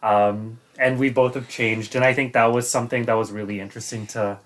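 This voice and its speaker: A man's voice: mid-range voice, little pitch movement, a little fast. A man, a stage actor, talking casually in an interview, hesitantly searching for his words.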